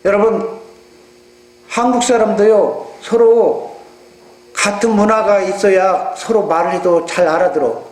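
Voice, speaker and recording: High-voiced pastor with a Jeolla accent. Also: male voice, unhurried. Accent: Jeolla Korean. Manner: animated preaching with rhetorical questions to the congregation. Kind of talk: sermon. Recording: echoey room with mains hum.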